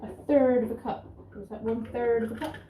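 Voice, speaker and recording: Her voice sits on the high side, brisk and fairly even, captured in narrow, tinny audio with a little hiss or hum. The young British woman, a vlogger and childminder, rambles casually to camera indoors at home, um-ing often, praising children in a sing-song way, her sore throat making her sound congested and throaty.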